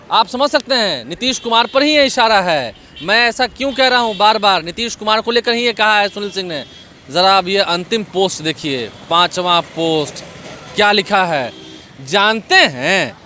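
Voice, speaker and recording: Emphatic reporter on location. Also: male voice, sits high, bright, forceful tone. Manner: emphatic, rhetorical questions. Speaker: news reporter. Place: outdoors in front of an office building.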